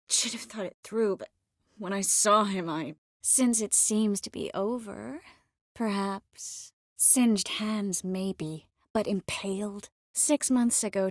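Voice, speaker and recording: A young sorceress in a fantasy video game, voiced by an actress who comes across as caring, wry and passionate. Her mid-range female voice is expressive, clearly articulated and intimate, recorded clean in a studio with no echo. The mood starts soft and earnest, then turns measured and grave.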